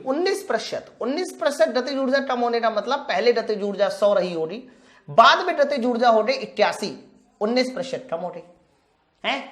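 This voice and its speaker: A female physics teacher with a fairly high voice runs a live exam-prep session, solving practice problems step by step. Her delivery is a casual question-and-answer style: she addresses the students directly and answers her own questions.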